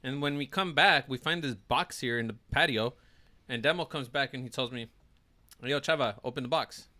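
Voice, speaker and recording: Excited young man telling a story. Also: medium pitch, a little fast. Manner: excited storytelling, quotes himself, laughs often. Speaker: podcast guest. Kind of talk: casual chat among friends.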